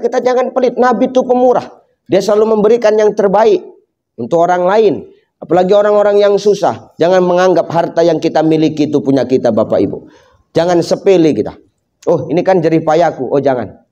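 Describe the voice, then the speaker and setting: A man's voice: high-pitched, warm tone, muffled recording. A man preaching a humorous sermon, joking and speaking straight to the audience. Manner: jokey, addresses the audience directly.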